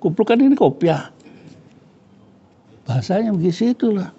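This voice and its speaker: A cleric gives a frank, joking scripture lesson. His fairly high voice is mellow with a gravelly edge. The recording sounds dull and lo-fi. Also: big pitch swings, measured pace. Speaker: Islamic cleric teaching scripture. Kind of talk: casual religious study lecture.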